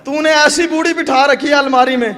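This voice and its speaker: A man's voice: high-pitched, fairly even intonation, close to an everyday voice. A preacher playing a scolding old village woman. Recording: echoey mosque hall.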